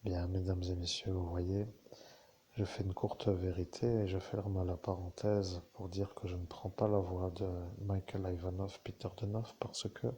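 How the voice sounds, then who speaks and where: Man, lowish mellow voice, unhurried; rambling spiritual talk, drifts off on asides. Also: slight background noise. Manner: digressive, musing, with asides and self-corrections. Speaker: spiritual speaker addressing listeners.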